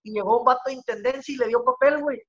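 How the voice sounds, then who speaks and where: Heard through remote call audio, this man speaks in a very high-pitched, fast voice, and the recording is muffled. He's a podcast guest with a Mexican accent, rambling through a story in slangy, casual talk and fitting "güey" into every sentence.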